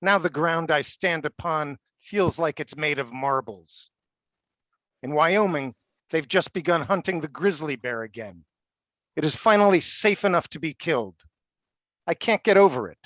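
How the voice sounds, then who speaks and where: A man with a slightly higher voice reads short prose poems, stumbling over restarts between pieces and settling into an even delivery once he reads. The sound is dry and close, with no room around it. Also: no room sound. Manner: halting and stammering when talking, steady when reading. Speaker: poet and college faculty member. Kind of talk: poetry reading.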